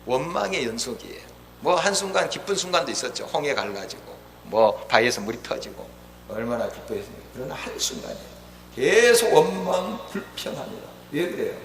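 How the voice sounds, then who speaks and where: A man's voice: brisk, gravelly. Impassioned male pastor in an echoey church. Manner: impassioned, swinging between raised exhortation and hushed pleading. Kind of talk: sermon. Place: church sanctuary. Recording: echoey hall with low hum.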